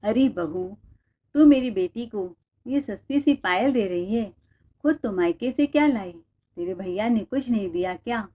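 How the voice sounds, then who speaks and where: A woman voicing a sharp-tongued older mother-in-law who taunts and scolds her daughters-in-law. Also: mid-range voice, measured pace, natural voice. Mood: taunting.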